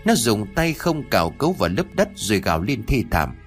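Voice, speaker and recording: Dramatic male horror narrator, animated pitch, soft music underneath. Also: brisk. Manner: dramatic storytelling.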